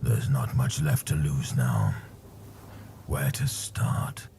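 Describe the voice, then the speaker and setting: A man voicing a wounded, weary warrior who talks low, growled and half-whispered. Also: takes it slowly, vocal fry, mellow, slight background noise, exaggerated voice. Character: wounded, weary male warrior, grim and bitter.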